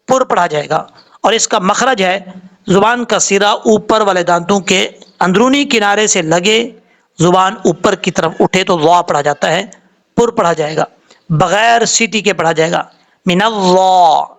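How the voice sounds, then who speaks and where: A high-voiced man teaches Quran recitation step by step. He names each letter and its vowel mark, then drawls out the recited word with care. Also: fairly bright tone. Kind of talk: slow step-by-step tajweed lesson.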